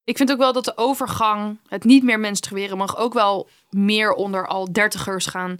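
Animated woman telling stories, dry sound. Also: medium pitch, normal speed, clear, resonant tone, no room sound. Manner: animated storyteller, acts out quotes, trails off softly. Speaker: podcast host. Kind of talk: casual podcast chat.

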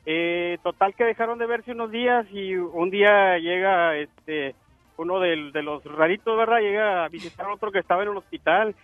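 A man's voice: high voice, normal speed, no echo, faint music behind. A man from northern Mexico calling into a radio show to tell a joke, easygoing and rambling. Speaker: caller. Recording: tinny phone line.

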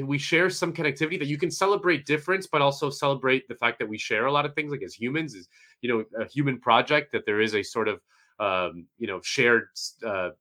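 A man's voice: medium pitch, bright, forceful tone. A man co-hosting a podcast, rambling reflectively with lots of fillers. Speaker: podcast co-host. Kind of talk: casual chat.

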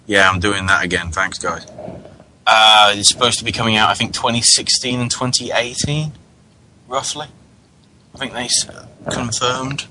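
A man's voice: fairly low pitch, fairly even intonation, bright, forceful tone, slight background noise, poor audio. A man co-hosting a radio talk show, chatting casually with a wry, joking manner. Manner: chatty, wry, quick to joke. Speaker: podcast co-host. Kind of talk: casual chat.

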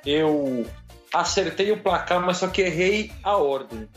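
Brazilian guy chatting sports on a podcast, lively pitch swings, music behind. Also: a little slow. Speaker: podcast panelist. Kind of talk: casual sports chat.

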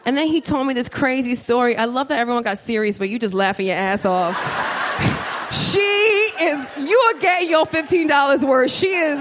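A woman in her thirties doing stand-up on a club stage into a handheld mic, telling a story, profane and animated, talking to the crowd. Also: high-pitched, moderate pace. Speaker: stand-up comedian. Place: comedy club stage with live audience. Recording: live show with faint room noise.

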